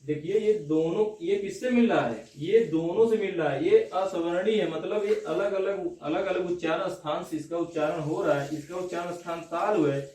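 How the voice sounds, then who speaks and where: Male teacher, high voice, quizzing students; distant, roomy classroom recording. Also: normal speed, few pauses, mellow. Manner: checks understanding with repeated "theek hai na?". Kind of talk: classroom lecture on Hindi grammar. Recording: echoey room, distant mic.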